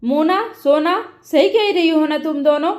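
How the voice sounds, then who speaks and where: A woman voicing an angry middle-aged mother who shouts and scolds her son, in a roomy echo. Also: extremely high pitch, measured pace. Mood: furious.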